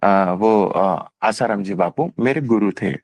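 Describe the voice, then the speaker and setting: A man casually retelling a personal spiritual experience at a gathering, animated, quoting dialogue and laughing. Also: on the low side, slow, no echo. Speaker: devotee sharing a personal experience. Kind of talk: casual satsang storytelling.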